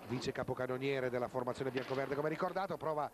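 A man's voice: medium pitch, fast. Male sports commentator over heavy noise. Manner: excited, drawing out words at goals, calmer during play. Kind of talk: live goal commentary on an Italian roller hockey match. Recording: very noisy sports hall TV broadcast.

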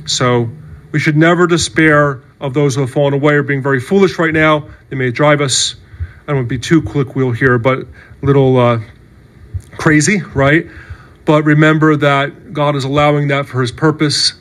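A man's voice: a little high, fairly even intonation, moderate pace, fairly bright tone. A male priest giving a sermon in an earnest, conversational way, often checking in with "right?" and "okay". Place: church.

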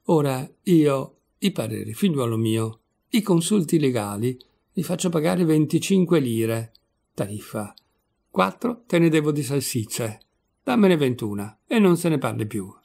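A man voicing a placid, pompous old lawyer who lectures calmly and keeps calling others "my son", in a gravelly voice. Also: fairly high pitch, unhurried, heavily acted. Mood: smug lecturing.

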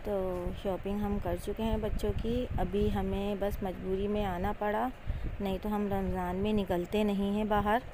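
A woman with a mid-range voice narrates a vlog casually as she goes about her day, keeping a level tone and moderate pace. She is a vlogger and a mother. The recording is clear, with street and vehicle noise from outdoors.

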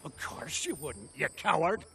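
A man voicing a rowdy, hot-headed clan groom who shouts with gravelly bravado. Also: fairly high pitch, very animated, measured pace, far from the mic, a little hiss or hum, exaggerated voice. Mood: furious.

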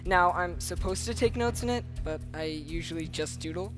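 A man's voice: high-pitched, moderate pace. A fifteen-year-old young man from Brooklyn performing card magician patter, giving instructions to volunteers on a theater stage. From Brooklyn, New York. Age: 15 years old, teenager. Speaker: magician contestant. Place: large theater stage, live talent show. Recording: loud music under stage talk. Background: music.

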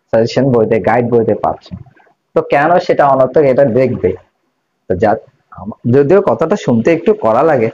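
A man's voice: a little high, darkish tone, highs cut off, slight background noise. A man teaching an English grammar lesson, explaining step by step and asking questions of his learners.

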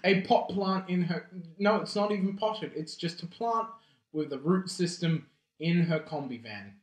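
A man's voice: high-pitched, moderate pace, echoey room, poor audio. Casual swearing young man riffing a movie. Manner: swears freely, fillers like "like" and "um". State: eating snacks while talking. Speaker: co-host riffing on a bad movie.

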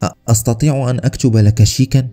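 A man's voice: mid-range voice, steady tone, fast talker, mellow, soft background music, voice pushed up, natural voice. A man voicing a frightened young man who pleads with his captor in a submissive way, in a narrated true-crime story. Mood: pleading.

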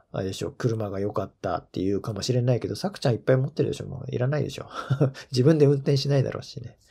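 Gravelly, dark-voiced man chatting casually. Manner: chatty, laughs often, trails off into low murmured asides. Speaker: golf commentary channel host. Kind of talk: casual solo commentary.

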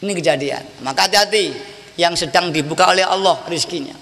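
Older preacher with a gravelly, bright voice. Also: male voice, high voice, brisk, slight background noise. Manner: animated storytelling, acting out dialogue, sudden loud exclamations. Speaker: Islamic preacher. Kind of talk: sermon with story telling. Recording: reverberant hall.

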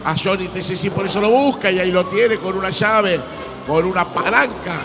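An Argentine-accented man commentates on wrestling in excited play-by-play. His voice is high and emphatic, repeating key words, with loud music playing behind him. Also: moderate pace. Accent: Argentine Spanish.

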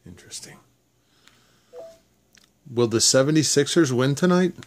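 A woman's voice: very deep voice, moderate pace. A woman talking casually and teasingly, quizzing a voice assistant from behind a handheld camera in a small room. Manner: teasing, playful. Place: small cluttered room, indoors. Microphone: handheld camera or phone, speaker behind it.

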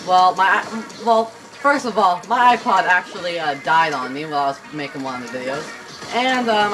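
A man giving casual, excitable play-by-play as he plays a video game, rambling and laughing often. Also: high voice, noisy background. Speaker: gaming channel host. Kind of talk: casual gameplay commentary. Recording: game music playing under the voice. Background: video game music.

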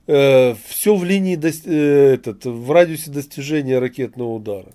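A man's voice: medium pitch, moderate pace, mellow. A middle-aged man from Donetsk in Ukraine hosting an argumentative chat, speaking bluntly and mockingly. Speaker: live video chat host. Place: small room at home.

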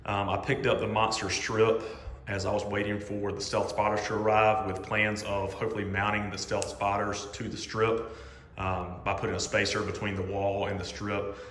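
In this clip, a forties-aged man strolls around his home gym filming on his phone, casually showing off equipment and leaning heavily on "um" as filler. He has a slightly low voice that still comes across bright and forceful. Every word trails a long echo from the empty room, and there's slight background noise.

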